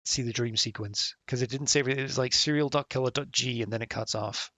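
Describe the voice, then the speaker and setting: A man of medium pitch streams a puzzle game live, talking fast in a pushed, bright voice with fairly even intonation. He thinks aloud, swearing and muttering to himself as he tries passwords. The recording is dry, with faint game music behind him.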